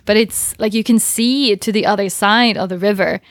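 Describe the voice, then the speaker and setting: A woman's voice: mid-range voice, normal speed, dry recording. Hesitant woman with a dry sound. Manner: thoughtful, hesitant with many fillers, laughs often. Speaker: interview guest, long-distance cyclist. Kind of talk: conversational interview.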